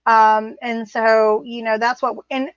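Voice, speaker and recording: A middle-aged woman co-hosts a livestream, reading out viewer comments in a blunt, rambling, casual chat and laughing often. Her voice is a little high, clear and resonant, slow with a level tone, and the recording is dry and muffled.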